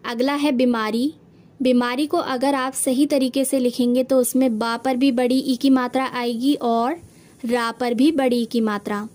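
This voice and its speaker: A woman's voice: fairly high pitch, steady tone, measured pace, a little mellow. A woman teacher explaining correct Hindi spellings to students step by step, patiently, calling them children.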